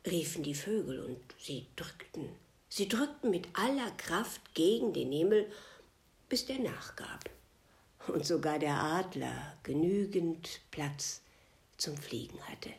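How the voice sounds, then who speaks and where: A woman tells an old fable in a slow, hushed manner, often slipping into a whisper. Her voice sits on the low side and she takes her time. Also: expressive. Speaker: storyteller. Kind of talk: fable storytelling, partly whispered.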